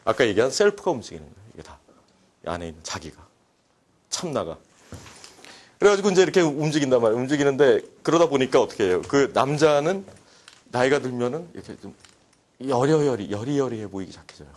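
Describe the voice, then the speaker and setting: Man, university lecturer, humorous, fast-talking, very lively intonation, acts out dialogue. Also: mid-range voice. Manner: animated, jokey, acts out quoted dialogue.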